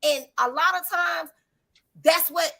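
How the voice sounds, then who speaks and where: A high-pitched woman with a bright, clear tone chats as a talk show guest. She speaks earnestly and in a preaching way, leaning on faith and love as she talks. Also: fairly even intonation, unhurried, poor audio. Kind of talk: casual talk show chat.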